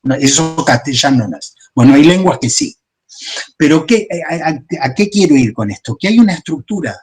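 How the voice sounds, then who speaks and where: A man's voice: a little high, animated, darkish tone. A man giving a class lecture, explaining step by step and often checking in with "¿sí?". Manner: explanatory, asks "¿sí?" often, pauses and restarts. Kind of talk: class lecture on psychoanalytic theory.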